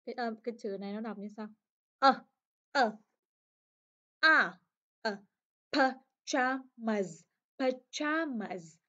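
A woman teaching an English lesson, repeating words and sentences slowly and clearly for learners to copy. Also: on the high side, bright, forceful tone, dull audio. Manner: slow, drawn-out pronunciation drills. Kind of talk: language lesson.

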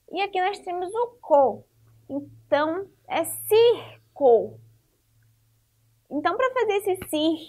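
A woman's voice: high voice, low-quality recording. A woman teaching a first-grade Portuguese lesson, speaking patiently and stretching out syllables for children, with a Brazilian Portuguese accent.

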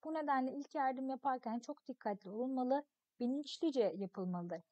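Female teacher, high voice, expressive story reading, dry close sound. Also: moderate pace, no room sound, lo-fi sound. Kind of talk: reading a story aloud in a lesson.

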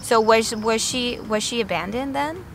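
Calm woman, noisy traffic behind. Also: a little high, moderate pace, gravelly. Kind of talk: casual conversation. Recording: noisy background with passing traffic.

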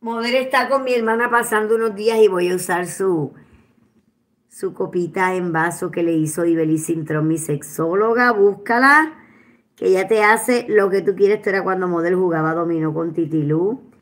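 A Puerto Rican woman chatting casually with her followers at home, expressive and quick to swear. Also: on the low side. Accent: Puerto Rican Spanish. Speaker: vlogger. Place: at home, indoors.

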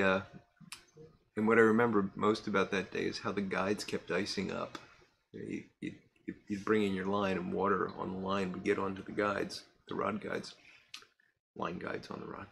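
Sitting low and creaky, this middle-aged man's voice carries a little hiss or hum. He's a pipe-smoking vlogger rambling casually to camera in a cluttered workshop indoors, relaxed, full of fillers and restarts, stopping to puff his pipe.

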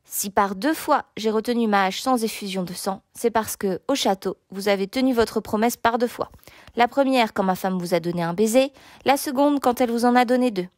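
A colossal male knight mocks and sneers at his foe in this storybook reading, put on by a woman. His voice sits fairly high, and the sound is dry and close. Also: moderate pace, darkish tone, no room sound, lightly acted. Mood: explaining. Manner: taunting, sneering. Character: huge mocking male knight, later a kindly lord.

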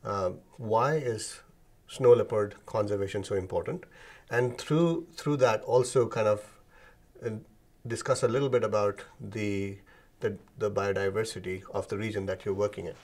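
A middle-aged man hosting a formal interview in a studio, introducing his guest and asking questions in a measured way. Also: on the low side, a little mellow. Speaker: interviewer, program director. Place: dark studio set, seated. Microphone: lapel mic.

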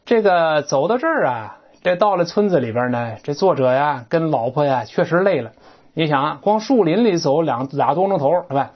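A woman with a low, husky voice teaches an English textbook lesson, her pitch swinging widely as she talks. She explains words and grammar in a chatty, folksy way, full of asides and rhetorical questions. The recording sounds dull and lo-fi. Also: expressive, moderate pace.

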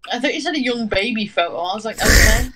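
A woman's voice: a little high, lively intonation, brisk, fairly bright tone, rough recording. A woman chatting with a friend during a game, teasing him and laughing often. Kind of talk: casual chat while gaming.

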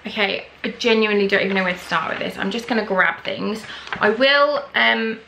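A young English woman chatting excitedly as she tries snacks on her vlog at home, gasping at what she finds. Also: medium pitch, a little fast, creaky, slight background noise, poor audio. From England. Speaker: vlogger. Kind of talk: casual snack-tasting vlog.

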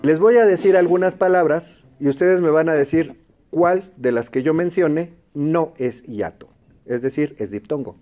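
A Mexican man with a Mexican Spanish accent hosts an educational quiz show, speaking clearly and patiently and repeating the answer options slowly. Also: a little high. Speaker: quiz host and teacher. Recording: dull lo-fi broadcast sound.

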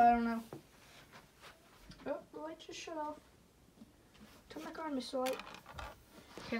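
A young woman chatting casually off camera while filming her ant colony, excitable and sometimes dropping to a whisper. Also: fairly high pitch, a little hiss or hum. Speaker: ant-keeping vlogger. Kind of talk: casual off-camera vlog narration.

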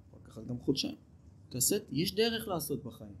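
A male rabbi giving an informal, animated lesson to yeshiva students, urging them on and acting out their inner voices. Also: fairly high pitch, slight background noise.

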